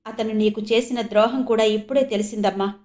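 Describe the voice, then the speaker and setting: A woman narrator voicing a kindly elderly grandfather who speaks in a gentle, wondering tone. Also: a little high, steady tone, brisk, lightly acted.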